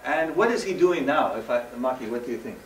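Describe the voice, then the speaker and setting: A man from the West Coast of the United States giving a lively, joking stage presentation in plain, simple English. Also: medium pitch, quick pace, noisy background. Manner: lively, jokey, simple English for a Japanese audience. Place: large hall, recorded from afar. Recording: echoey hall, far from the mic.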